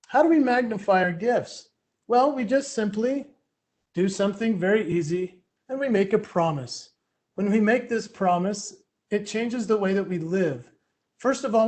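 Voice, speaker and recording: A man giving a playful, energetic motivational keynote full of personal stories. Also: high voice. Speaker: keynote speaker.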